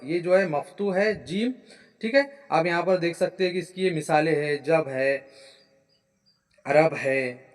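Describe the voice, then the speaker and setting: A man teaching an exam-prep grammar lesson. He repeats key points, keeps checking in with "ठीक है" and answers his own questions. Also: a little high. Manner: repetitive, drilling with frequent "ठीक है" checks; asks a question then answers it himself.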